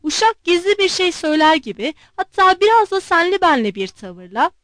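A woman narrating a classic novel as an audiobook, clear and measured. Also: very high-pitched, expressive, a bit bright, dry recording. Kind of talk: scripted narration.

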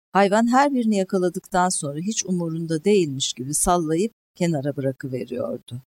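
A narrator reading a historical novel aloud as a steady audiobook narration, lifting the voice on key moments. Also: medium pitch, no room sound. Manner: measured storytelling with lifted emphasis on key moments.

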